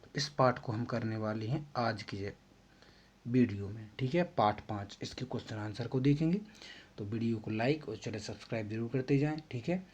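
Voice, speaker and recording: A man's voice: medium pitch, moderate pace, a little mellow, slightly rough. A man teaching a school lesson in a casual way, working through the answers step by step and saying each one more than once. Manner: explains step by step, repeats answers. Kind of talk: casual exam-prep lesson. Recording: dull lo-fi recording.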